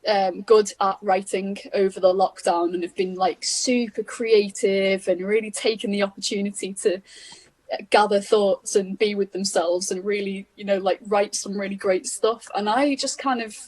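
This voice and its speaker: A woman with a Liverpool accent chats loosely and warmly over a video call, her thoughts wandering as she talks. She sits at a middle pitch and laughs easily between phrases. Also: fairly even intonation, moderate pace. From England. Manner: chatty, meandering, laughs easily. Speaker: guest singer-songwriter. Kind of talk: casual chat.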